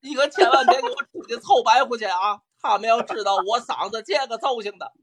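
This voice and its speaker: A high, husky wail from a hoarse palace concubine, put on by a man. She rants crudely about her ruined voice, and the man plays the maid as well. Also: animated, brisk, fairly bright tone, heavily acted. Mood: hysterical. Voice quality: raspy, crude comic delivery. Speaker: audience caller. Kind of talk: comic impression of palace drama.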